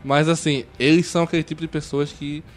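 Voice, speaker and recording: A man's voice: on the high side, flat delivery, fast talker. A man co-hosting a podcast, joking and teasing in slangy casual talk. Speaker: podcast co-host.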